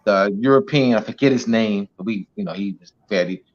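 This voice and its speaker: A man with a lowish, slightly mellow voice talks fairly quickly as a guest giving a teaching talk on an online show. He hammers his points home through repetition and plenty of "you know"s, and the lo-fi audio sounds dull.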